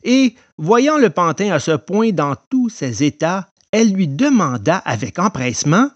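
Lively male storybook narrator. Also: high-pitched, unhurried, dry recording, lo-fi sound. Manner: expressive storytelling.

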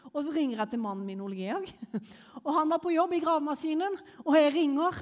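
A Norwegian woman preaches in a large meeting hall. She tells a personal testimony with animated storytelling. Her voice sits somewhat high, and a long reverb trails after it. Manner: animated storytelling, quick rises when excited.

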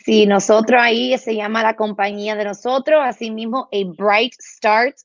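A fairly high-voiced woman, a speech therapist, talks through simple ideas with animated energy and playful animal-sound imitations. The recording is dry and a bit dull and lo-fi. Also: moderate pace, dry recording. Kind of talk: explaining in an interview.

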